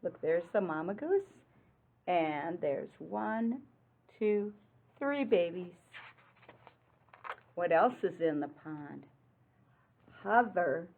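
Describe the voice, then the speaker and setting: A woman with a lowish voice reads a picture book aloud to young children, explaining it in simple terms, asking frequent questions, and stressing the rhyming words deliberately. The audio is muffled and thin, like narrow-band phone sound.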